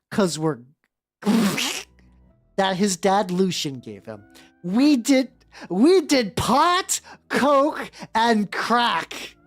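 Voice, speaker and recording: With music playing in the background, a woman VTuber reads fanfiction on her livestream in a medium-pitched, darkish voice. Casual, profane, meandering comments regularly interrupt the reading.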